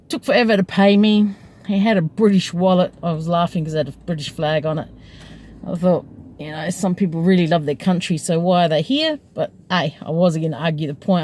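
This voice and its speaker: A woman's voice: medium pitch, darkish tone. A woman tells a story from her job as a taxi driver. She talks in a chatty, wry way and laughs as she goes. She sits in her parked cab at a taxi rank. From Australia. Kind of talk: casual storytelling vlog.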